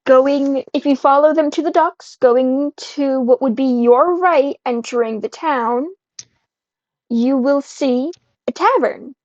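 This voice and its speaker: A woman's voice: sits high, slow pace, a little mellow, no room sound, lo-fi sound. A woman running a tabletop game as game master, talking casually and bluntly. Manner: casual, unbothered, profane. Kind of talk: narrating a tabletop game over voice chat.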